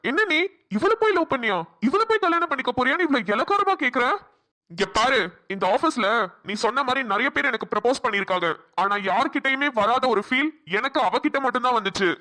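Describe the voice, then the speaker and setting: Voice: high-pitched, animated, fast talker, pushed and bright. Voice actor playing an earnest young lover. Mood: indignant. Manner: firm, passionate. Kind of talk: cartoon voice acting.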